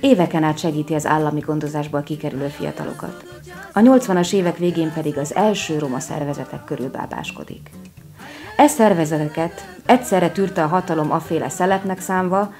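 Low-voiced woman narrating a documentary. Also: a little mellow, soft background music. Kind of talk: scripted narration.

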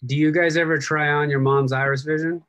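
A playful man co-hosts a relaxed family conversation, tossing in joking asides. His audio comes through dull and lo-fi, a little muffled against the other voices. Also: a little high, fairly quick. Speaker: co-host and coach. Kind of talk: casual family chat on a video show.

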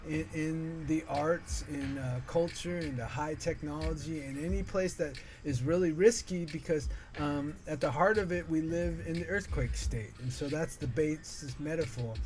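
A man's voice: on the high side, normal speed, hardly any pauses. A middle-aged man from Northern California hosting his art channel, talking casually and earnestly with many fillers while he draws at a home desk. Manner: rambling, filler-heavy, earnest. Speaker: artist and channel host. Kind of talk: casual monologue while drawing.

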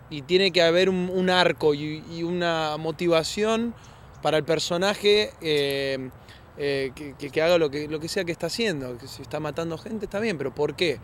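Argentine-accented male actor, thoughtful interview answers, light city noise outdoors. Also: on the high side. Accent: Argentine Spanish. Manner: earnest, reflective, many restarts and tag questions.

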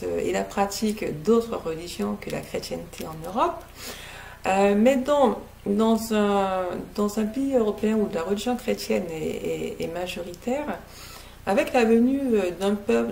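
A woman's voice: mid-range voice, vocal fry, a little mellow, slight background noise. A woman from French Guiana reviewing a novel to her webcam at home, hesitant and full of filler sounds. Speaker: book reviewer. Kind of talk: casual book review to camera. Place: living room at home, indoors. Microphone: laptop webcam, seated close.

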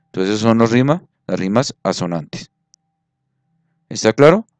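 A man's voice: fairly low pitch, big pitch swings, measured pace, smooth, no room sound. A man teaching a classroom lesson, patient, counting syllables aloud and checking that students follow.

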